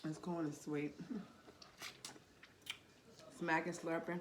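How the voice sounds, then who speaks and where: Female mukbang host, unhurried casual talk, loud smacking and slurping, noisy recording. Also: low-pitched, little pitch movement. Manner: chewing noisily, smacking and slurping. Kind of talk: casual mukbang chat while eating. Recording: clearly noisy background.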